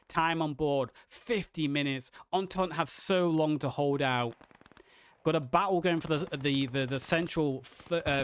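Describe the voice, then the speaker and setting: An esports caster with a hoarse, higher voice delivers live game commentary while losing his voice. He sounds excited, climbing to a high pitch on big plays.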